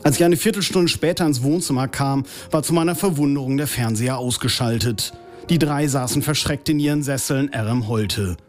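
A man's voice: medium pitch, a little fast, soft background music. A man reading his own humorous story in a dry, ironic tone, then talking in a radio interview.

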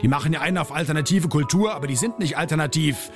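A man voicing his own misanthropic, hot-tempered alter ego, ranting and sneering over soft piano music. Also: fairly high pitch, fast talker, lightly acted. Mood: ranting scornful.

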